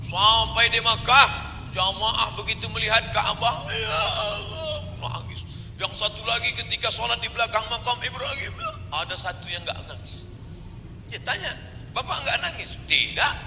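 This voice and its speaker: A man preaching a sermon in a large mosque, animated and dramatic in his storytelling. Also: high voice, normal speed. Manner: animated, dramatizes stories and chants verses. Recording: long reverb of a large hall, faint noise.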